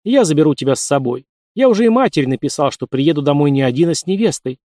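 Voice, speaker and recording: A cocky young soldier teases in a smooth, easy way, as a male narrator reads him. The voice sits slightly high. The sound is dry and close. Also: expressive, fast talker, dark tone, no echo, natural voice. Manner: joking, smooth.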